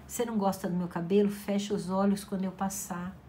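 A middle-aged woman talks as she paints, chatty and encouraging, and she now and then acts out other people's voices. Her pitch sits in the middle range. A faint hum of background noise sits under the recording. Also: flat delivery, brisk. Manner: chatty, warm-hearted encouragement with playful quoted voices. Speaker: craft channel host. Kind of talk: casual chat while painting.

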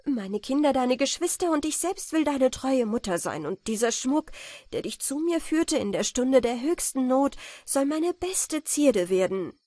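A woman reading aloud and voicing a noble countess who speaks in a high, emotional way. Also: big pitch swings, unhurried, warm tone, no echo, clean studio sound, heavily acted. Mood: moved, joyful. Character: noble countess, tender and overjoyed.

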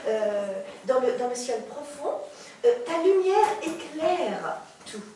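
A woman's voice: high-pitched, very animated, slow pace, dark tone, a little hiss or hum. A woman vocal coach teaching a masterclass, coaxing her student along. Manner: coaxing, sings phrases to demonstrate. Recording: very echoey room, distant mic, piano.

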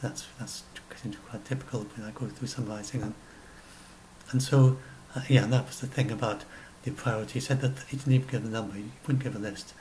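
A science blogger in his sixties, speaking at a quick pace with fairly even intonation and a medium-pitched, slightly mellow voice, talks through his notes by himself. He wanders and keeps revising his points, captured by a desk webcam in a small home room. The audio is poor, with slight background noise.

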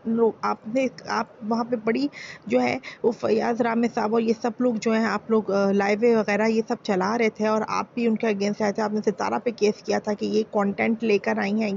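A woman's voice: mid-range voice, vocal fry, a little mellow, muffled recording, a little hiss or hum. A woman giving heated, opinionated commentary as a reaction channel YouTuber, full of rhetorical questions and pleas. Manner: impassioned, rhetorical, pleading.

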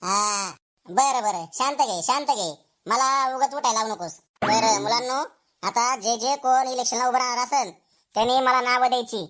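Woman playing a tired grumbly schoolteacher guy, lower voice than the kids. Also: normal speed, natural voice. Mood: weary. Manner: tired, grumbling, pleading for calm. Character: weary male schoolteacher running a class vote.

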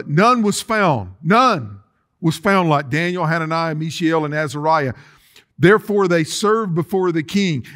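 A middle-aged male pastor with a fairly high, slightly bright voice delivers a sermon in a church sanctuary with empty chairs. He reads scripture aloud and calls on the congregation to repeat his words back to him.

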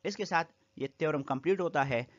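A man's voice: on the high side, a little fast. A man with a Pakistani Urdu accent teaching a maths proof step by step, repeating each step in two languages. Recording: dull lo-fi recording.

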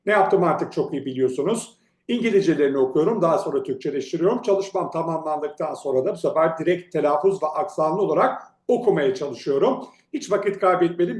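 A man with a fairly high voice teaches an English grammar lesson. He reads each drill sentence slowly and deliberately, then gives the translation. The recording carries a noticeable room echo. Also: a little mellow.

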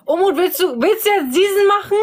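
A young woman joins a casual live group chat on her phone. She has a high-pitched voice and speaks in slang with an insistent, defensive manner. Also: lively intonation, brisk. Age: young adult. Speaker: live-stream guest. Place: indoor room. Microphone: phone at arm's length. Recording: live multi-guest phone stream.

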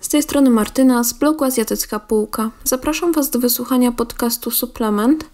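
A woman's voice: a little high, fairly quick, darkish tone. A Polish woman hosting a solo podcast, explaining a literary form in a chatty way with fillers and self-corrections. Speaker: podcast host and book blogger.

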